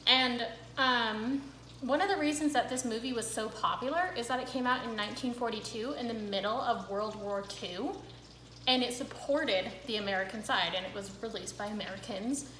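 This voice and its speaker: A woman's voice: a little high, moderate pace, fairly bright tone, reverberant, a little hiss or hum, rough recording. A young woman hosting a cooking vlog, chatting casually to camera with a rambling, filler-filled manner.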